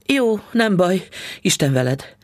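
A woman's voice: fairly low pitch, big pitch swings, dry recording, clean studio sound, pitched above the performer's own voice. A man voicing a fretful, scheming middle-aged wife who stammers when flustered. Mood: flustered sweet.

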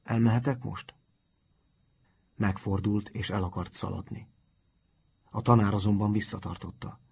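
A man calmly reading a children's story aloud as narrator. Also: lowish voice, creaky, husky. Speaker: audiobook narrator.

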